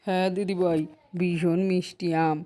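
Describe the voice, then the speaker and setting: A woman's voice: on the low side, little pitch movement, moderate pace, mellow, lightly acted. A woman voicing a poor village mango seller who pleads and bargains to sell her fruit. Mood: persuasive. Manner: pleading, persuasive sales talk. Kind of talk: Bengali cartoon voice acting.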